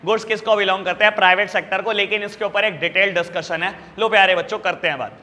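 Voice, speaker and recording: High bright-voiced commerce teacher. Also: male voice, fairly even intonation, quick pace, big-room sound. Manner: affectionate, calls students "beta" and "babu" constantly; asks the class questions and answers them himself. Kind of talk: classroom lecture.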